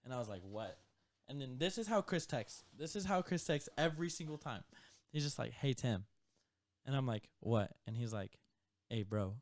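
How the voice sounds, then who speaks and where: Young male podcast co-host, easygoing storyteller, mid pitch, dry close mic. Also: expressive, normal speed, dry recording. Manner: laid-back, storytelling, laughs often. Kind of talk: casual chat.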